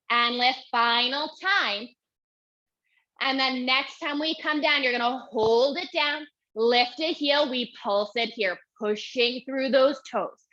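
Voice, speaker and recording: Young female Pilates instructor, winded mid-workout, unhurried cueing, slightly high, lo-fi recording. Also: bright, forceful tone. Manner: counts reps and cues moves while exercising. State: out of breath. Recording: dull lo-fi audio.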